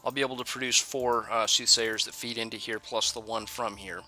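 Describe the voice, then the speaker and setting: Bright-voiced man rambling over gameplay. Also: lowish voice, fairly even intonation, fairly quick, soft background music. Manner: rambling, self-correcting, thinks aloud. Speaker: let's play host. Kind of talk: casual gameplay commentary.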